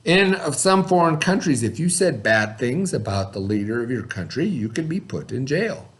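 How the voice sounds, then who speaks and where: A man teaching a class reads a story aloud in a medium-pitched, sing-song voice at normal speed. Between passages he stops to explain words and put questions to the children.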